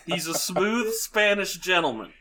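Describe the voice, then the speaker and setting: A man's voice: high voice, animated, unhurried, pushed and bright. A man playing in a tabletop game, bantering in a mock-stern, exasperated way. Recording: noisy with clicks.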